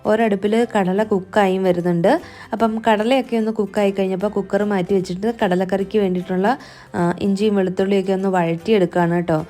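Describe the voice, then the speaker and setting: A woman's voice: mid-range voice, steady tone, brisk, warm tone. A woman vlogger narrating her household day in a chatty, friendly voice-over. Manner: chatty, friendly, often adds a conversational tag to sentences. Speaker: homemaker vlogger.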